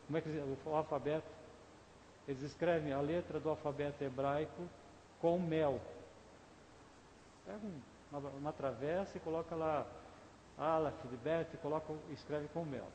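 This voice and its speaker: Brazilian pastor preaching in echoey church. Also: male voice, fairly high pitch, a little mellow, slight background noise. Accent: Brazilian Portuguese. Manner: conversational preaching, asks the congregation questions. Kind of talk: sermon. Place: church sanctuary. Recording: echoey church hall, faint ambience.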